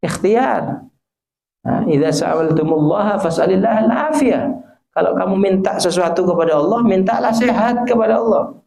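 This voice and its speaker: A man's voice: high-pitched, animated, moderate pace, vocal fry, a little mellow, rough recording. A man with an East Javanese accent preaching a religious sermon. He mixes in Javanese phrases, recites Arabic quotations and asks his listeners rhetorical questions.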